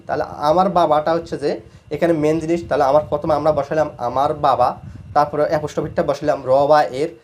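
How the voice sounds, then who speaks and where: A man teaching English grammar as a lesson, slowly repeating each example word by word. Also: a little high, a little mellow, husky. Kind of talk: explaining grammar.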